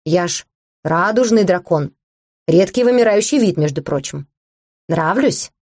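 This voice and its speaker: A woman voicing a small, rude, raspy young male dragon who talks in cheeky slang in a storybook reading. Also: lowish voice, lively intonation, a little slow, a little mellow, dry recording, clean studio sound. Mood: indignant.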